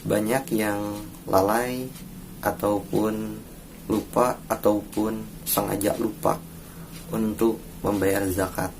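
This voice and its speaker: Earnest young Indonesian man, low and flat. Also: background noise. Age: young adult. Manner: formal, earnest, measured delivery with pauses between phrases. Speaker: university student presenting a course assignment. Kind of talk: read-aloud presentation.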